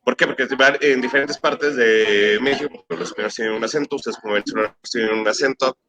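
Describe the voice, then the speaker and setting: A man's voice: mid-range voice, fast talker, noisy background. A Mexican man hosting an interview, asking long, winding questions and correcting himself as he goes. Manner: rambling, self-correcting questions. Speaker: host.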